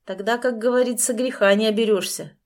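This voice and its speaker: A woman reading an audiobook, voicing a smug, menacing middle-aged male crook who mocks and threatens in a loud, casual way. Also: a little high, a little fast, lightly acted. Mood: gloating menace. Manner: mocking, gloating, casually threatening.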